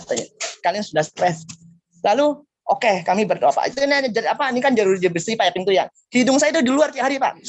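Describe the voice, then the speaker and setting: A man giving a spoken personal testimony at a church fellowship meeting over a video call. He tells his story emphatically, asks listeners rhetorical questions, and drops into a lower voice when he quotes people. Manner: acts out quoted speech in a lower voice.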